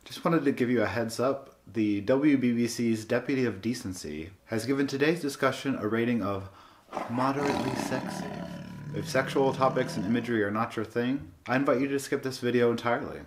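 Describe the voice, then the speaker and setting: A man's voice: medium pitch, a little fast, hardly any pauses, noisy background. A man hosting a book channel, giving a scripted monologue in a wry, sardonic way. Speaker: booktube host.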